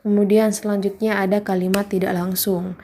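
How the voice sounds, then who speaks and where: A woman teacher explaining a class lesson step by step, often pausing on "nah" and reading examples aloud. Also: medium pitch, flat delivery, mellow, slight background noise.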